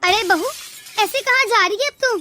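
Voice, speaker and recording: A woman's voice: extremely high pitch, moderate pace, sharp tone, faint music behind. A woman voicing a stern, lecturing middle-aged mother-in-law in a cartoon. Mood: scolding. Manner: lecturing, scolding. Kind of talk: cartoon voice acting.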